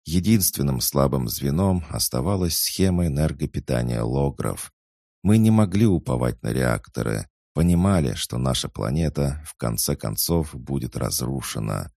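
A man voicing an ancient, calm male alien in an audiobook, speaking in a measured, unhurried way. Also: a bass voice, vocal fry, dry recording, clean studio sound, full character voice. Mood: solemn. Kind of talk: audiobook character reading.

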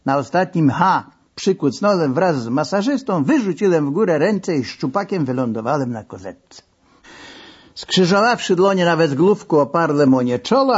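A man narrating a story in an expressive, conversational and wry way. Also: medium pitch, slightly rough. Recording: dull lo-fi recording.

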